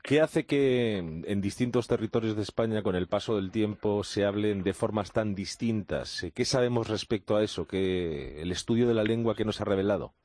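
Man, Basque Spanish accent, radio host, deep voice, dry studio sound, measured questions. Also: darkish tone, no room sound. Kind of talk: radio interview.

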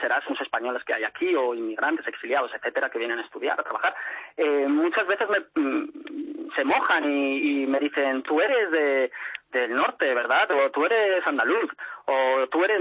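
A man's voice: a little high, slightly rough, no room sound. A man from Madrid, a guest speaking on the phone in a radio interview, answering thoughtfully with many restarts. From Madrid, Spain. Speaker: phone guest, language expert. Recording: muffled phone line.

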